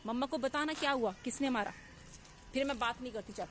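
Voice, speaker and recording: A woman with a high voice talks to a dog in doting baby talk. She coaxes it gently and asks the same questions again and again. Faint noise sits behind her phone recording outdoors. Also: a little fast. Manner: coaxing, repeating questions in a doting sing-song. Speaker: stray dog carer talking to a dog. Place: outdoors on a street.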